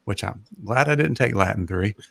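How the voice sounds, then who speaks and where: A relaxed, somewhat hesitant high school math teacher in his 40s from North Carolina is a guest in a casual livestream chat, pausing often and using lots of fillers. His soothing, gravelly voice sits on the low side, captured on a home podcast mic.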